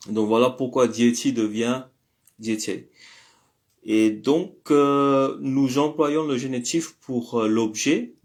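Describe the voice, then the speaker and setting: A male teacher walks through grammar exercises at a slow, deliberate pace, stopping often to think and correcting himself as he goes. His voice sits at an ordinary middle pitch and stays patient throughout. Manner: patient, explains slowly with many pauses and fillers, corrects himself. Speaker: Russian language teacher. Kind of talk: slow step-by-step language lesson.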